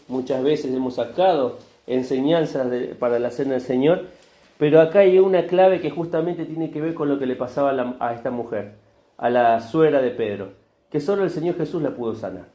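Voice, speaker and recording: A man's voice: mid-range voice, warm tone. A male pastor, preaching a sermon with rhetorical questions and repetition. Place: church hall. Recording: echoey church hall.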